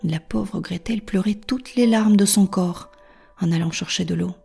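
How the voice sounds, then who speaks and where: A woman reading a fairy tale aloud in a soft, half-whispered narration. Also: mid-range voice, unhurried, gravelly, husky, soft background music. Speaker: storyteller.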